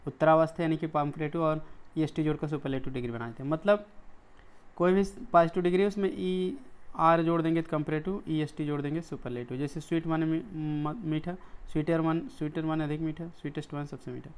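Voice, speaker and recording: A man's voice: on the high side, fairly even intonation, fairly quick, clear, resonant tone. A man with an Indian accent teaching an English grammar lesson, explaining step by step and often checking in with his students.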